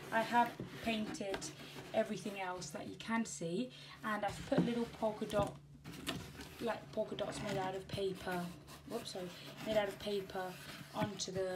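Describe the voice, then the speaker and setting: Chatty woman packing a craft gift box. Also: medium pitch. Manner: chatty, rambling, self-correcting. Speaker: crafting vlogger. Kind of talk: casual chat while packing a gift box. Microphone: camera on tripod. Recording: clear background noise and handling clicks.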